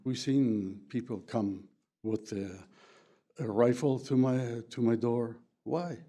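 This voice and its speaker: An older resident from the former Soviet Union, whose native tongue is Plattdeutsch, gives halting public comment in English at a county board meeting. His speech is full of fillers and broken grammar, delivered in a warm, mid-range voice.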